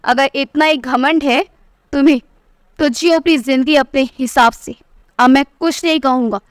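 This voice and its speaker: A woman's voice: sits high, no room sound, studio quality, natural voice. A woman voicing a stern, disappointed father. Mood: reproachful. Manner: measured, reproachful.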